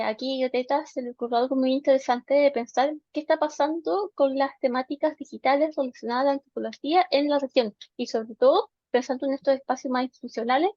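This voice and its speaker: A woman with a high voice and a Chilean Spanish accent hosts an online talk, opening it with a friendly, informal welcome. Her audio is dull and lo-fi, like a video call, and dry with no room around it. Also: a little mellow, dry recording. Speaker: moderator and host of the talk. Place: home, Punta Arenas.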